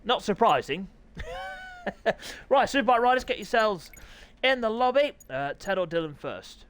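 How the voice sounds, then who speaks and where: Excitable male race commentator, high-pitched, hoarse from a sore throat. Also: moderate pace. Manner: excitable, chatty, frequent throat clearing. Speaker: sim racing commentator.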